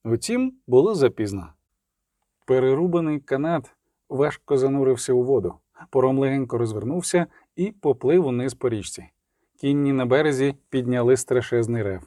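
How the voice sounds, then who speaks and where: Male audiobook narrator, mellow dark tone, dry close mic. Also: medium pitch, moderate pace, dry recording. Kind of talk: scripted narration.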